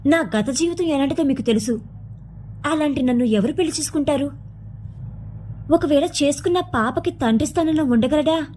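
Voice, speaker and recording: Anxious pleading young mother as a woman narrator voices her, high voice, in a storybook reading. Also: moderate pace, pauses often, a little mellow, a little hiss or hum, close to an everyday voice.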